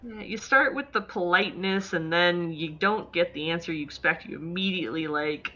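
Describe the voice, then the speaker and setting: A woman's voice: lowish voice, normal speed, pushed and bright. A woman chatting casually as a player in a tabletop game, on a slightly dull lo-fi recording. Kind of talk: casual chat in character.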